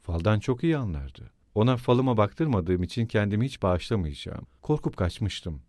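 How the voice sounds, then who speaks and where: A man's voice: lowish voice, big pitch swings, moderate pace, mellow, no echo, clean studio sound. A man voicing a brooding, eerie, absent-minded middle-aged landowner in an audiobook reading, with a musing, rambling delivery.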